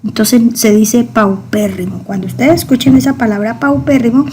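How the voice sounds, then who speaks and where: A woman's voice: on the high side, steady tone, normal speed, dark tone, slight background noise. A woman teaching a grammar lesson, speaking to her students directly and patiently repeating the key words.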